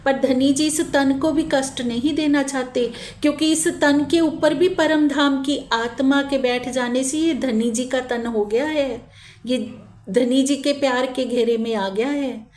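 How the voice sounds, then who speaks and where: Slow, high-voiced woman preacher. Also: fairly even intonation, roomy sound. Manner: gentle, pleading, repeats lines slowly for emphasis. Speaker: spiritual preacher. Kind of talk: devotional sermon.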